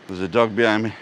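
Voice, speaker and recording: Slight hiss or hum and a rough recording surround this male vlog host's fairly bright, low-leaning voice. He has a Yorkshire accent and keeps up chatty, joking talk on an outdoor seaside walkway live stream, reading viewers' comments out loud.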